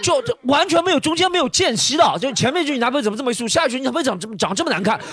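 Man, podcast host, casual storytelling, animated, high lively voice. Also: rapid-fire. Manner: animated, acts out quoted lines, laughs often.

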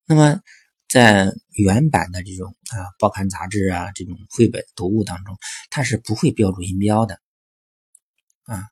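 A man's voice: low-pitched, normal speed, breathy edge, no echo, studio quality. A man talking through English pronunciation in a chatty explanatory monologue, dropping in lots of fillers and rhetorical questions. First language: Chinese. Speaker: English teaching commentator.

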